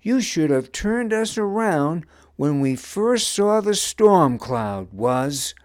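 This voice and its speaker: A man's voice: fairly high pitch, sing-song, slow pace, no room sound, clean studio sound, voice pushed up. A bold young girl from a children's storybook, put on by a man. Her raised, accusing voice pushes each complaint hard.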